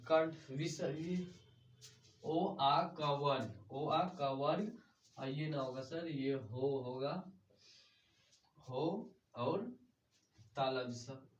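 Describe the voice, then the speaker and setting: A man's voice: medium pitch, takes it slowly, pauses often. A man teaching a grammar lesson, asking questions and answering them himself and calling everyone sir. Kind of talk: grammar lesson with call-and-response drilling. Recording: echoey room, distant muffled mic.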